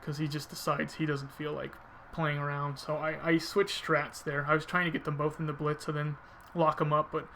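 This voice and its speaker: A man commentates casually over gameplay in a somewhat high, narrow-ranged voice with a creaky edge. He explains technique informally, thinking aloud as he goes, with some noise behind him. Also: level tone, normal speed, pushed and bright. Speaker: video game player commentator.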